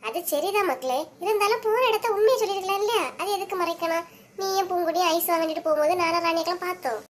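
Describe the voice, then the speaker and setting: For a cartoon, a woman voices a village woman with a high, girlish sound and a thick Kanyakumari Tamil accent. Sternly and in a fast, chatty way, the character gossips about her relatives, scolds them, and teases them.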